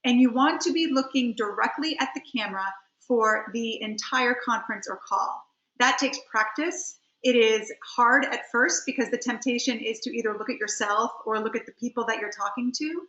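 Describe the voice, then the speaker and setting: Coming through roomy, slightly dull computer audio from a video call, this webinar presenter, a trial attorney and communication coach, teaches with emphasis, slowing on key phrases. She is middle-aged, and her voice is a little high with a sharp tone.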